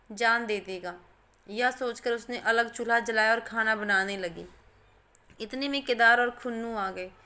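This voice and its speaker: A woman reads a classic short story aloud in a steady, measured narration. Her voice sits slightly above the middle for a woman. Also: on the high side. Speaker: story reader.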